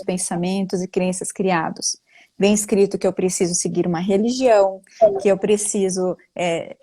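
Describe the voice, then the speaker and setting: Woman on a live stream, explaining family constellation stuff, earnest teacher vibe, pitch keeps jumping up. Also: darkish tone. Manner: earnest, teacherly, with frequent rising pitch jumps.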